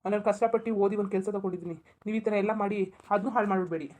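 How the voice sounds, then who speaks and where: A woman's voice: medium pitch, steady tone, rapid-fire, a little mellow, a little hiss or hum, natural voice. A woman voicing a flustered, polite young married man in a cartoon, pleading with someone to stop. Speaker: cartoon character. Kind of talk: Kannada cartoon voice acting.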